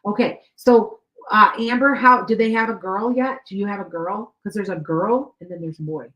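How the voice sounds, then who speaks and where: This psychic medium, a middle-aged woman with a Chicago and Wisconsin accent, has a mid-range, somewhat bright voice and moves at a moderate pace. Recorded in an echoey room, she gives live-stream readings chattily, repeating herself and often confirming her words make sense.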